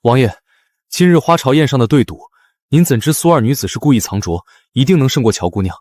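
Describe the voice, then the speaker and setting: A man's voice: medium pitch, expressive, fast, a little mellow, no echo, clean studio sound, natural voice. An actor playing a cautious subordinate who speaks deferentially and hesitantly to his lord. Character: deferential, cautious servant of a prince.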